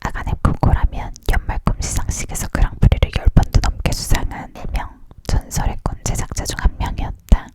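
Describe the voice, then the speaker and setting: A storyteller leans in close and whispers a tale in ASMR fashion, never using full voice for the narration or the characters' lines.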